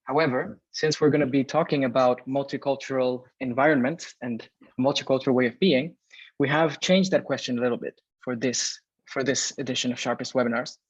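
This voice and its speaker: Over dull, dry video call audio with no echo, a thirty-something Venezuelan man leads a live webinar from Berlin, in a home or office room. His mid-range voice is slightly fast, fairly even in intonation, and has a breathy edge as he chats and reads chat messages, full of fillers.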